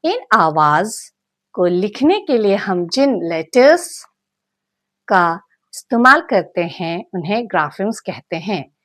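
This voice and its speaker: A woman teacher explains phonics in an unhurried, carefully paced lesson. Her pitch moves a lot, lifting on each example word as she sounds it out piece by piece. The recording is dry and close, with no room around her. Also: sing-song, fairly bright tone, no room sound. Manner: spells out sounds and syllables slowly, mixing in English words. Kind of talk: slow scripted lesson narration.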